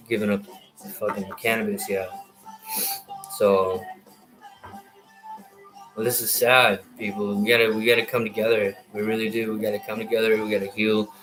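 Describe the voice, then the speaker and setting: Poor audio captures a lowish-voiced man in his thirties, a military veteran, delivering an angry, meandering monologue. He curses heavily and keeps starting over.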